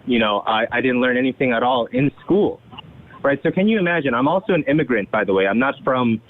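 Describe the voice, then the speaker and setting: Over a tinny phone line, a young Saudi man introduces himself as a guest presenter on a group conference call. He speaks fast and chattily with a mid-range voice and lively intonation, constantly checking in with "right?" and "okay?".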